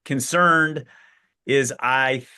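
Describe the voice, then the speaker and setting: A man's voice: medium pitch, extremely slow, pushed and bright, clean tone. A man hosting a webinar on a video call, asking short clarifying questions and thanking his guest. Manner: brief affirmations and clarifying questions. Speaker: webinar host.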